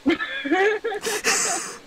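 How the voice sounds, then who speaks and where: A woman's voice: very high-pitched, recorded from a distance, background noise. A woman playing a game with a friend on stream, chatting casually and laughing often. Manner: slow and giggly, laughs often. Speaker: co-player on a stream. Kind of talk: casual gaming chat.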